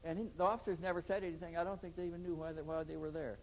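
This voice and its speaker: A man's voice: fairly high pitch, fairly even intonation, very fast, low-quality recording. An older man telling a long story in a conversational interview, rambling with many restarts. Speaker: interview guest.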